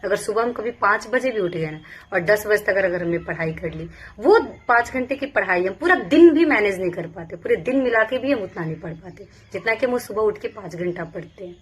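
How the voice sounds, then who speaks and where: A woman's voice: medium pitch, animated, fairly quick. A young woman from Bihar, a police sub-inspector, giving casual, earnest study advice to exam aspirants and repeating her points as she goes. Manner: earnest, repetitive, speaks in first-person plural.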